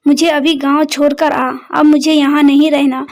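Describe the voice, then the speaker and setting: A woman voicing a stubborn, angry older mother-in-law in a narrated story, with an even, flat delivery. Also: sits high, normal speed, close to an everyday voice.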